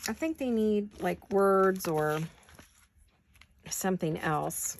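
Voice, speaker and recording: A woman's voice: medium pitch, slow, slight background noise. A woman hosting a crafting video, chatting casually and talking to herself as she works. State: hiccups. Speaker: crafting channel host. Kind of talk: casual crafting chat while working.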